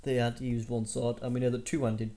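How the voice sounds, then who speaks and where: Young male co-host, casual and rambling, soft warm tone. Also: mid-range voice, little pitch movement, fairly quick. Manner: rambling, many fillers and restarts. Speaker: co-host of a gaming news show. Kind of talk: casual chat.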